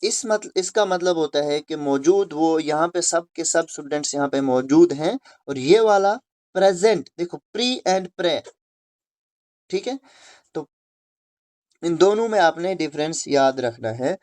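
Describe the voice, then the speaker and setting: Slow talking teacher guy, keeps repeating words n spelling them out. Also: a little high, expressive, darkish tone. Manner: repetitive, checks with listeners, spells words letter by letter. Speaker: English grammar teacher. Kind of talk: classroom lesson on pronunciation.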